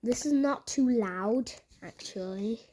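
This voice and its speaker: A woman giving casual vlog commentary in a halting, repetitive way, often restating her phrases. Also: on the high side, warm tone. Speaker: video narrator.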